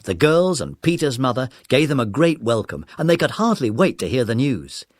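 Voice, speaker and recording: In clean studio sound with no echo, a man with a medium-pitched voice reads a scripted adventure tale for kids at a moderate pace. His pitch swings widely as he tells it dramatically, speaking straight to the young audience.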